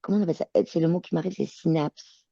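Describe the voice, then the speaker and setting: A woman working as a telepath, describing her visions in a channeling session, halting and searching for words. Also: deep voice, fairly even intonation, vocal fry, dark tone, dry recording, dull audio. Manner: hesitant, searching for words, many fillers.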